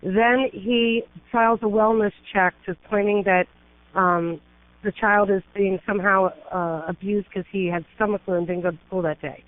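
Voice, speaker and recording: On a tinny telephone line, a middle-aged woman attorney calls an emergency number, urgent and pleading as she stacks up emphatic lists of complaints. Her medium-pitched voice is fairly even and moderately paced, with no room sound.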